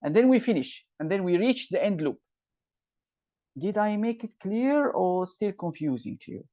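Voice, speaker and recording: In a screen-recorded video call, a tutor with a warm, medium-pitched, expressive voice explains each loop step at a normal speed, patiently making sure the student keeps up. The step-by-step computer science lesson was picked up by a computer mic. The sound is dull and dry, with no echo.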